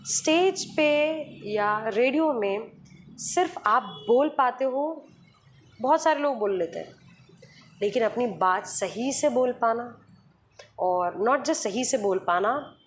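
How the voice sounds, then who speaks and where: A woman radio jockey with a slightly high voice talks a podcast host through her points step by step, mixing in English phrases. A faint hum of room noise sits behind her. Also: animated, takes it slowly. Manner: explains patiently with examples, mixes in English phrases. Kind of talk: podcast interview conversation.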